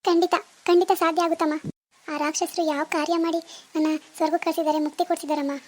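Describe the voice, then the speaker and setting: Woman as a gentle ghost big sister, very high voice, earnest reassuring repeats, village drama. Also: flat delivery, quick pace. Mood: tender. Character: ghost elder sister, tender and protective.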